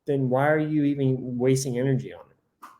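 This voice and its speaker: A man's voice: medium pitch, a little fast, dark tone. A man co-hosting a podcast in casual chat, rambling with lots of "like" and self-corrections, acting out his own thoughts in quoted asides. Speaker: podcast co-host.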